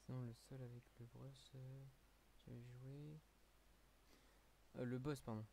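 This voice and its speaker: A French-accented man chats loosely on a live stream, trailing off into fillers and restarts. He sounds a little worn out, and his voice sits at an ordinary middle pitch. A faint hiss runs under the recording. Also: little pitch movement, measured pace, vocal fry. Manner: rambling, many fillers and restarts. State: a little tired. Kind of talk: casual live-stream chat.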